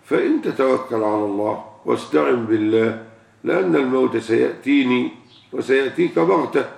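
This older sheikh speaks with an Egyptian Arabic accent in a gravelly, slightly mellow mid-range voice at a slightly quick pace. Fielding questions in a religious sermon, he poses rhetorical questions and stresses key words by repeating them. He is recorded at a distance in an echoey room.

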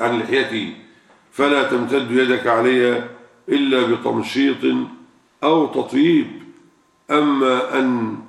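Far from the microphone in a spacious, echoing room, an older Egyptian sheikh with a mid-range, heavily gravelly voice full of vocal fry answers questions in a religious sermon. His Egyptian Arabic accent is clear, and he hammers his points home with rhetorical questions and repeated words.

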